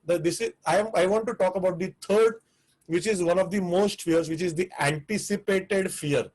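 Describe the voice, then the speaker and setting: A high-pitched man with a somewhat dark tone and an Indian English accent speaks at an ordinary pace. He's teaching a live online class about the restaurant business, coming across as earnest, repeating himself and restarting phrases.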